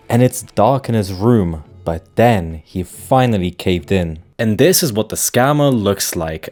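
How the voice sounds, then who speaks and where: A young man telling a story in a casual vlog, chatty and wry with quick asides. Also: fairly low pitch, a little mellow. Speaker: vlogger.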